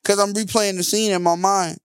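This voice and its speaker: A man co-hosting a movie review show, talking in loose, animated banter and acting out scenes as he recaps. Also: high voice, fairly quick, clean tone, dry recording. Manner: animated, laughs loudly, acts out scenes. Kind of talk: casual banter.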